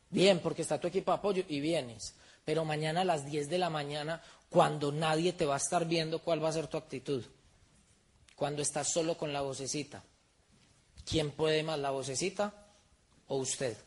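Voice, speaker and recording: A man giving a motivational seminar talk, firing rhetorical questions at his audience. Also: on the high side. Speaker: seminar speaker.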